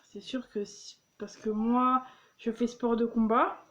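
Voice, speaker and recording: A young woman reads jokes out loud at a slow, unhurried pace and keeps stumbling and correcting herself as she goes. Her voice sits a little high, and the recording sounds dull and lo-fi. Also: steady tone. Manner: giggly, stumbling, explaining jokes. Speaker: vlogger. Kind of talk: reading jokes aloud.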